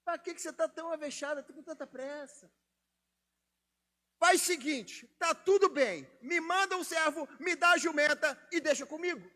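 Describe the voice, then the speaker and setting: A male pastor voicing a puzzled, easygoing farmer husband during a sermon, speaking softer and lower than in his preaching. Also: moderate pace. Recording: long reverb of a church hall.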